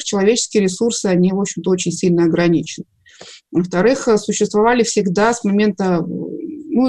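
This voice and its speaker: A middle-aged woman speaks as an interview guest, measured and explanatory, with a mid-range voice. She lays out her points one by one as a teacher would. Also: medium pitch, a little mellow. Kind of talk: broadcast interview.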